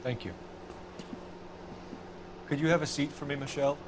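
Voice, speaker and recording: An actor playing an upright, earnest 1940s police detective who talks in a formal, stiff way, in video game dialogue. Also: male voice, on the high side, steady tone, moderate pace, background noise, lightly acted.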